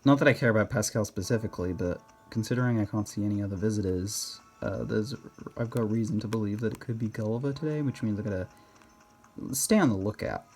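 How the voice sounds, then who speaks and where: A man narrates his own gameplay in a lowish, fast voice with a darkish tone and a breathy edge. His commentary is casual and rambling as he thinks aloud, often hesitantly questioning himself.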